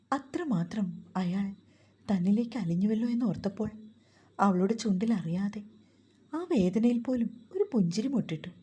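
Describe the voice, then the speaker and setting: Husky, mellow woman telling a story. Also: mid-range voice, highs cut off. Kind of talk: story narration.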